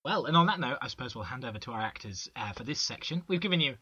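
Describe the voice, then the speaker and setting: A male podcast host in a casual chat, easygoing and quick to laugh. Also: mid-range voice, lively intonation, bright, forceful tone, slightly rough, dry recording, highs cut off.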